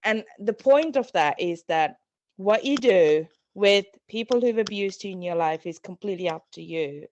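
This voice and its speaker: A woman's voice: medium pitch, expressive, normal speed, a little mellow, slight background noise. A middle-aged woman from Sri Lanka, a guest on a podcast interview, speaking in a reflective, earnest way and often restarting phrases. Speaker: guest, parenting coach.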